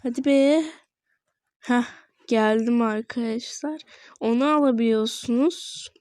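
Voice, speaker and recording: A woman's voice: a little high, slow pace, darkish tone, dry recording. A young woman giving casual gameplay commentary, chatty and easily frustrated, talking straight to her viewers. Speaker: gaming video creator.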